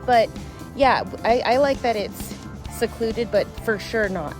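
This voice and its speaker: Slow-talking, laughing woman vlogger outdoors. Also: a little high. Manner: chatty, laughs often. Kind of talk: casual chat. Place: outdoors on a hillside. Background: background music.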